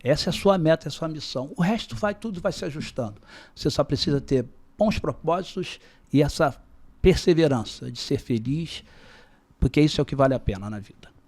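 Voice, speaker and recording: A man speaking as a guest on a business podcast, calm and measured, often repeating words while he searches for them. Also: on the high side. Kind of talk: casual interview talk.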